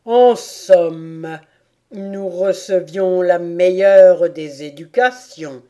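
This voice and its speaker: A woman voicing a sad, sobbing female mock turtle with a calf's head in a storybook reading, slow, loud and lamenting. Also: on the low side. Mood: mournful. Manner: slow, mournful and loud, turning indignant.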